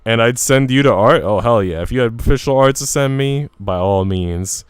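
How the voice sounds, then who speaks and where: The recording is clean with no echo as a man with a mid-range voice chats at a moderate pace with his livestream audience. Mildly profane, informal and chatty, he also reads a visual novel aloud while soft music plays.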